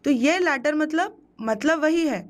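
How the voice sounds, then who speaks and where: A woman with a high voice teaches a grammar lesson over slides. She pronounces English words with a Hindi accent. She keeps asking the class questions and then answering them herself. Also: expressive, measured pace. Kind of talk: exam-prep grammar lesson.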